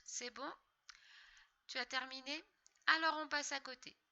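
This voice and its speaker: Woman teacher, bright higher voice, slow patient delivery for small kids. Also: steady tone. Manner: slow, patient, step-by-step instructions. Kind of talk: reading lesson for young children.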